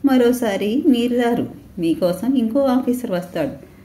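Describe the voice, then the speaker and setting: A woman's voice: mid-range voice, animated, a little slow, warm tone, roomy sound, a little hiss or hum, natural voice. A woman voicing a cunning, scornful female villain who mocks the police in a storybook reading. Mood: taunting. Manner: taunting, mocking.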